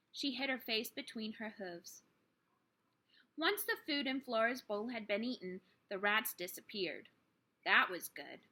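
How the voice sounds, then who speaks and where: Reading a children's story aloud as a teacher, a woman uses a somewhat high voice with a sharp edge. Her expressive reading for young listeners is full of dramatic emphasis.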